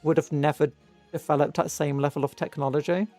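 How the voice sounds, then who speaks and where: A British VTuber livestreamer chats casually with viewers over background music, rambling and musing and often stopping to correct themselves. The voice is medium-pitched, level, a little mellow and a little fast.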